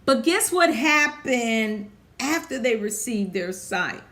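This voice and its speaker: High, fervent preaching woman in an echoey room. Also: expressive, a bit bright. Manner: fervent call-and-response preaching, rising to high exclamations; drawn-out emphatic phrasing. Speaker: preacher and health speaker. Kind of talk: preaching sermon mixed with health talk.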